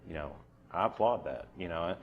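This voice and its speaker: A man preaching an informal sermon in a church, talking in halting bursts full of restarts and fillers. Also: sits low, animated, narrow, tinny audio, a little hiss or hum.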